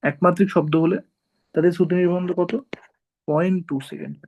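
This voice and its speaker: A man teaching an informal class, walking students through each point and pausing to check they follow. His voice is gravelly with a fry, and it sits a little above the usual male pitch. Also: fairly even intonation, a little mellow, poor audio. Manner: explains step by step, often checks with "ঠিক আছে?".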